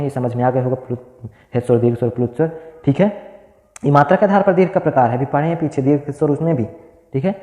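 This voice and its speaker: A man teaching a grammar lesson at a board, repeating terms and asking his class rhetorical questions. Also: medium pitch. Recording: echoey room, tinny phone-like sound.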